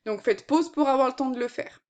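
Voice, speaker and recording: A woman with a high voice teaches a recorded maths lesson. She explains patiently, one step at a time, and fills her sentences with small verbal fillers. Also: fairly quick.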